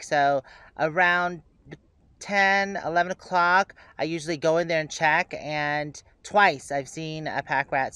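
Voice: medium pitch, sharp tone, smooth, dry recording, poor audio. An RV camping vlogger narrating casually outdoors and from a truck, chatting easily and talking to their dogs along the way. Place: outdoors and in a truck on forest roads.

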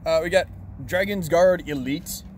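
A man's voice: fairly high pitch, unhurried, a little hiss or hum. A man in casual chat, playfully reading card names aloud.

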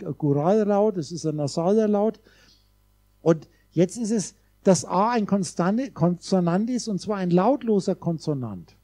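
A man giving a seminar lecture to a live audience, explaining step by step, speaking straight to his listeners and sometimes drawing out vowel sounds slowly. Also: sits high, warm tone, no room sound.

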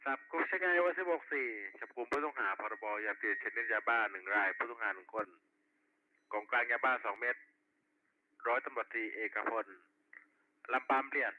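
A man's voice: medium pitch, expressive, fairly quick. A man working as a police radio dispatcher, reading back reports in clipped, formulaic roll-call style over a walkie-talkie. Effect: two-way radio. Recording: tinny narrowband walkie-talkie with faint noise.

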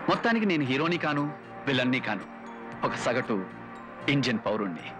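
Actor doing a cocky carefree young man, animated voice, light music under. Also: mid-range voice, a little fast, lightly acted, low-quality recording. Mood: breezy. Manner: breezy, boastful chat with chuckles. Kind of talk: dubbed film dialogue.

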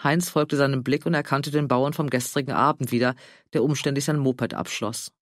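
A man reading an audiobook in a measured, even narration. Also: mid-range voice, dry recording, studio quality. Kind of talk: scripted narration.

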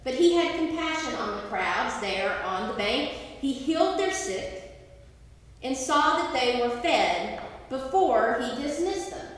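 A woman pastor preaching a sermon slowly and deliberately, with dramatic pauses, recorded in a church sanctuary. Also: fairly high pitch. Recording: roomy sanctuary echo from far off.

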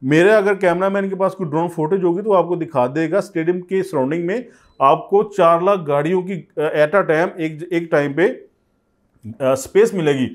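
A man in his thirties speaks with a Pakistani Urdu accent, pitching property deals straight to camera. His voice sits a little on the high side, and his delivery keeps urging viewers to buy. He is recorded close on a lapel mic in an indoor office studio. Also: normal speed. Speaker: real estate agent.

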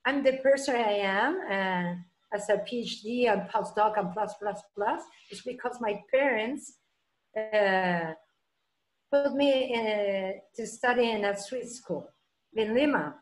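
A Peruvian-born trauma clinician with a mid-range voice presents at an online roundtable from a room at home, talking slowly and haltingly with many restarts and fillers. She uses her laptop webcam on the video call, and the room sounds roomy and echoey.

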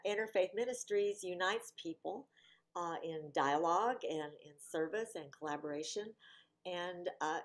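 Measured woman moderating a panel. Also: on the low side. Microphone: video call.

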